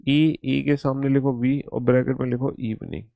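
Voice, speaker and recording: A man teaching an online exam-prep reasoning class, dictating slowly to his students and repeating each instruction. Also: medium pitch, level tone, creaky, warm tone, no echo.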